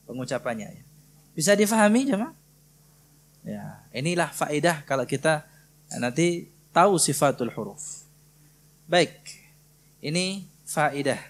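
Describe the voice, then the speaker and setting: A man from Indonesia teaching Quran recitation in a prayer hall, patiently drilling and gently correcting students. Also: a little high, very animated, a little hiss or hum. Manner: slow, patient, drills students by repeating syllables. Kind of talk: tajwid lesson with live correction.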